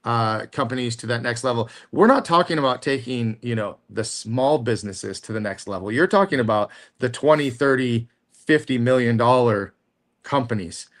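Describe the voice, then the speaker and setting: A man's voice: medium pitch, expressive, normal speed, a bit bright. Upbeat male podcast host. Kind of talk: casual interview.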